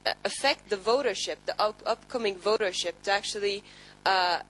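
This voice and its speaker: A woman's voice: medium pitch, normal speed, fairly bright tone, rough recording. A woman from Finland with a Finnish accent, a youth party officer giving earnest advice in a panel statement. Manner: earnest, advising.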